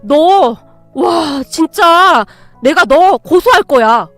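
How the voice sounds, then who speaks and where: Woman putting on a shouting greedy ex-boyfriend. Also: very high-pitched, expressive, moderate pace, no echo, faint music behind, pitched above the performer's own voice. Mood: furious. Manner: shouting, drunk and demanding. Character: hotheaded greedy young ex-boyfriend.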